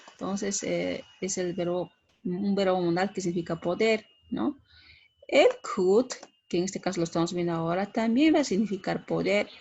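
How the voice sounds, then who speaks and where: A woman's voice: mid-range voice, highs cut off, a little hiss or hum. A middle-aged woman giving an English grammar lesson, explaining patiently and checking in with frequent tag questions. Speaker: English teacher.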